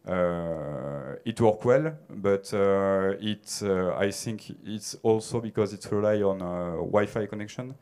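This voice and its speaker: A man's voice: on the low side, takes it slowly, few pauses, darkish tone, clear, resonant tone. A man in his thirties with a French accent answers conference questions on a theater stage into a handheld mic, hesitant and full of filler sounds. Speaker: conference speaker.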